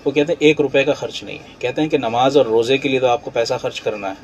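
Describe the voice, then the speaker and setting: Male scholar guest, mid pitch, patient explainer on talk radio. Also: lo-fi sound, slight background noise. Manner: patient, explains rulings step by step with everyday examples.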